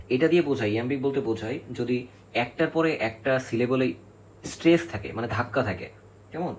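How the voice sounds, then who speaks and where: A man's voice: mid-range voice, rough recording. Male literature teacher, exam-prep lecture, mid-range voice, methodical, faint background noise. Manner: explains step by step, counts syllables aloud, asks "কেমন?" often.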